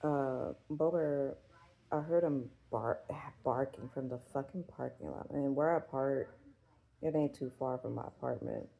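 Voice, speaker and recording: A woman's voice: rumbling low, a little slow, gravelly, mellow, rough recording. A woman in her forties chatting casually to camera in a rambling, profane way, full of fillers. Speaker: vlogger. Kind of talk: casual chat.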